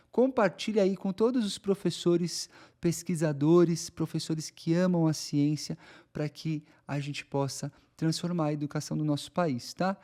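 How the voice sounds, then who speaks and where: A man's voice: sits high, dark tone. A man with a Brazilian Portuguese accent explaining a reading lesson to teachers in a conversational way, often checking in with his listeners. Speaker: educator.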